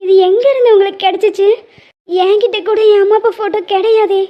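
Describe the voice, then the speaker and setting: A woman's voice: very high-pitched, fairly even intonation, fast. A woman voicing a tearful young wife in a cartoon, speaking emotionally and pleading. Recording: slightly dull lo-fi audio.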